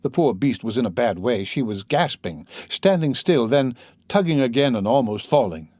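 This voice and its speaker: A male narrator reads a classic novel with dramatic expression and a lively, varied pitch. His voice sits in a middle register. The recording is dry and close, with no room sound. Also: normal speed, no room sound. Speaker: audiobook narrator.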